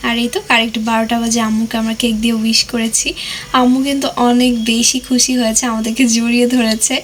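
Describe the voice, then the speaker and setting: Quick, high-voiced young woman vlogger. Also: little pitch movement, slight background noise. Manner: chatty, mixes English phrases into her talk. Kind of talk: voice-over narration of a family vlog.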